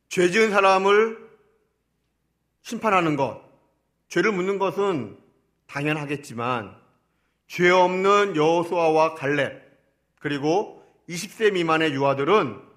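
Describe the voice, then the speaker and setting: A man's voice: a little high, fairly bright tone. A middle-aged man preaching a sermon, asking rhetorical questions and letting his voice rise and fall with each point. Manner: rising and falling preaching cadence with rhetorical questions. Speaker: pastor.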